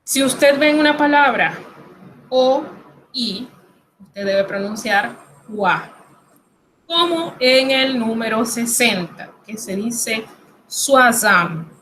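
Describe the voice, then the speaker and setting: A woman's voice: a little high, animated, slow, pauses often, a bit bright, slight background noise, poor audio. A woman teaching French pronunciation in Spanish, patient and reassuring as she explains each sound step by step. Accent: Latin American Spanish. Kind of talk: recorded lesson explaining pronunciation.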